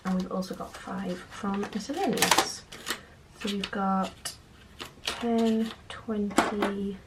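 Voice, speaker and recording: A young British woman talking quietly at night in a casual, hushed vlog style, as if others are asleep nearby. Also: medium pitch, fairly even intonation, slow pace. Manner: quiet, hushed late-night talking so as not to wake sleeping children. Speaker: vlogger, channel host. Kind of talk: casual budgeting vlog, chatting while counting cash. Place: at home at night. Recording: clearly noisy home recording with clicks.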